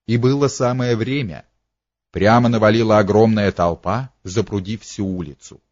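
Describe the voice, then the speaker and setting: A man reads a historical novel aloud in a steady, lightly dramatic way. His voice is low, and the recording sounds dull and dry with no room echo. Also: moderate pace. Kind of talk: audiobook narration.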